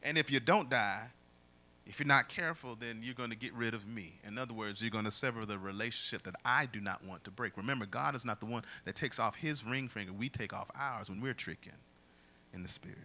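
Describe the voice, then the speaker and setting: A male pastor preaching a sermon, booming and drawn out when he reads scripture and dropping low for his asides. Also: a little fast, bright, forceful tone, slight background noise.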